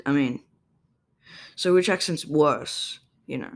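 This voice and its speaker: A man's voice: fairly high pitch, takes it slowly. A young man, hosting a solo podcast in a rambling, casual monologue full of ums and likes, sometimes drifting away from his home microphone. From Australia. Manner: meandering, lots of ums and likes. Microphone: home microphone, sometimes turned away.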